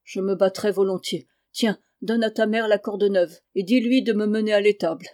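A woman reading aloud the part of a gruff, repentant farmer father in a classic storybook. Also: mid-range voice, fairly even intonation, moderate pace, mellow, natural voice.

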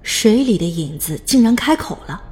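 A woman's voice: mid-range voice, sing-song, moderate pace, a little mellow, soft background music. A woman reading scripted, dramatic story narration as an audiobook narrator.

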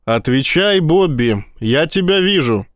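A man voicing a calm male fleet admiral who answers with light, mocking composure. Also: a little high, unhurried, no room sound, clean studio sound, pitched above the performer's own voice.

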